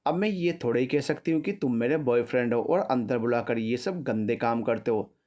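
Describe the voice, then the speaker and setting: A man's voice: mid-range voice, expressive, moderate pace, a little mellow, muffled recording, natural voice. A man voicing a playful young woman who teases her boyfriend and turns indignant when caught out. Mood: teasing. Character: young woman office worker, playful girlfriend.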